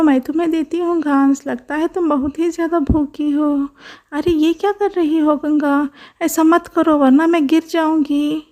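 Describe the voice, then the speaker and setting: A woman voicing a brave, helpful young village woman who talks loudly with many exclamations, in a doll storybook video. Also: high-pitched. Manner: loud, exclaiming.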